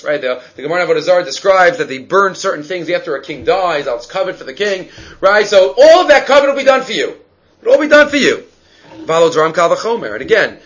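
High-pitched man teaching. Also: pushed and bright. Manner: explains in short repeated phrases, switching between Hebrew text and English. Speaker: Talmud teacher. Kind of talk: informal religious text lesson.

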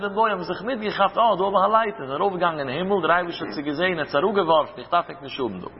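Rabbi preaching in a reverberant hall. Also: male voice, a little high, slight background noise. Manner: teaching with rhetorical questions and anecdotes. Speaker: rabbi giving a Torah talk. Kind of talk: religious lecture with stories. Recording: reverberant hall, dull lo-fi sound.

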